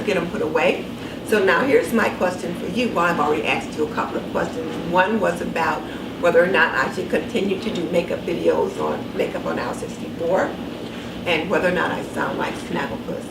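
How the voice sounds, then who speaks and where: A woman in her sixties chatting casually to camera in her kitchen, her speech slightly impeded by wearing dental retainers. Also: on the low side. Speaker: vlogger. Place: home kitchen, indoors. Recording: roomy, distant camera mic with clear background noise.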